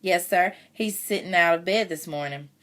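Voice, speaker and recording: A woman's voice: on the low side, moderate pace, fairly bright tone, voice pushed up, close to an everyday voice. A woman reading aloud voices Cassie, a spirited, eager young farm girl who asks polite questions.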